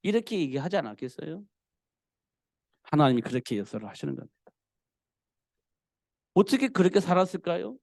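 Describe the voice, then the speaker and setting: A male pastor preaching a sermon in a church, telling the story with animated delivery. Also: on the high side, brisk, vocal fry, long pauses, dry recording, clean studio sound. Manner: animated storytelling, acting out the king's cries.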